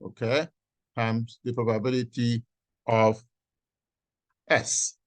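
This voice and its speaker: Halting male professor, slow and dry. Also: mid-range voice, level tone, dry recording. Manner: halting, deliberate, checks in with "okay". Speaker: professor teaching an online class. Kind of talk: live online lecture, explaining step by step. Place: video call with screen sharing.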